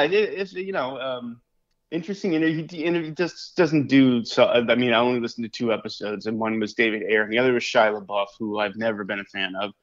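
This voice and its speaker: A man co-hosting a podcast in casual chat, laid-back, laughing often and saying "dude" and "man" a lot. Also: mid-range voice. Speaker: podcast co-host. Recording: dull lo-fi sound.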